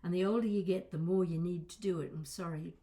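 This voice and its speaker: An older woman, a voice coach and presenter, talks fast to camera in an informal lesson full of digressions and wry remarks. Her voice is low-leaning, mellow and fairly even in intonation, with slight crackling and occasional small breaks.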